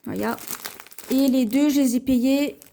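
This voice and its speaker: A French woman talks through her shopping haul at an easy, unhurried pace, pausing often with fillers. Her voice sits high but sounds soft and mellow. It has the homey feel of a casual vlog. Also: fairly even intonation, creaky. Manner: slow, chatty, hesitant with many fillers. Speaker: haul vlogger. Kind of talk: casual haul video, showing items to camera.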